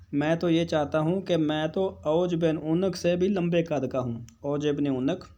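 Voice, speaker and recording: A man teaching an Arabic textbook lesson, reading each Arabic line slowly and then explaining it in Urdu with casual teacherly asides. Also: a little high, dark tone. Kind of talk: lecture reading and translating Arabic text.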